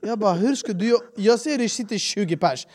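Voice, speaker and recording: A man, telling a travel story in casual chat and acting out the people he met in broken English. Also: high voice. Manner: animated, acts out quotes in broken English. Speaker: podcast host.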